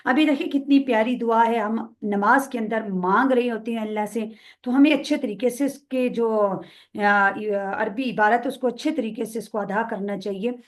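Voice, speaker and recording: A woman with a Pakistani Urdu accent giving a recitation lesson, explaining and then reciting passages slowly and drawn out. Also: a little high. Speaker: teacher of prayer recitation.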